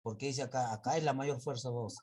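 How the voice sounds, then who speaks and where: A husky, darkish, medium-pitched male voice belongs to a teacher running an online lesson. He's patient, drawing out sample words, regularly correcting himself and asking students how they're doing.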